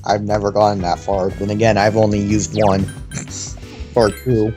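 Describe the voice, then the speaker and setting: A man co-hosting a let's play, chatting casually in a halting, agreeable, self-deprecating way. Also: lowish voice, little pitch movement, mellow, soft background music. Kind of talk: casual gameplay chat.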